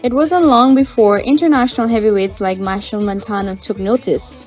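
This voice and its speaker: A woman's voice: medium pitch, steady tone, normal speed, darkish tone, faint music behind. A woman reporter narrating a scripted news feature in a polished, dramatic delivery.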